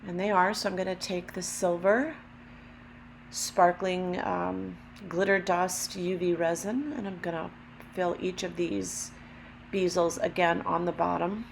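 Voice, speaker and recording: A woman with a gravelly, allergy-affected voice talks casually and unhurriedly through a craft demonstration, explaining each step carefully. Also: fairly low pitch, a little slow. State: allergy-affected voice, throat clearing. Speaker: craft tutorial host. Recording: steady background hum, lawnmower noise. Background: lawnmower and hum.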